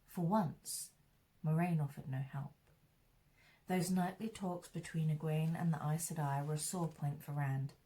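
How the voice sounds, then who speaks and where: A woman reading a fantasy novel aloud in a steady, measured fan read-along narration. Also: sits low. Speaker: audiobook reader.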